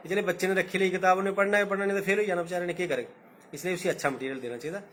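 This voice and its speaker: A man with a Dogri accent speaks somewhat higher than most men. He teaches in a loose, talky way and keeps repeating his points. When he recites verse he slows right down. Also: fairly even intonation, fairly bright tone, slight background noise. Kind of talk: live-streamed talk on poetry.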